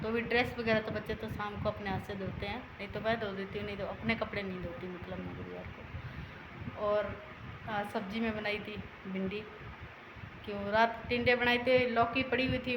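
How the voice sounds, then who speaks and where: A woman's voice: medium pitch, fairly even intonation, moderate pace, echoey room, noisy background. A woman in her thirties, a mother chatting casually to viewers in a home vlog, recorded on a handheld phone. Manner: chatty, addresses viewers as guys. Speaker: vlogger, mother. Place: village home rooftop and rooms.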